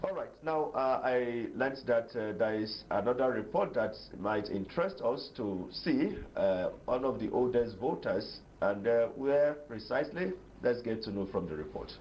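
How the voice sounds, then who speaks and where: A man with a Nigerian accent anchoring live election coverage off the cuff, speaking haltingly with many filled pauses. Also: medium pitch, animated, darkish tone, slight background noise, low-quality recording. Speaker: news anchor.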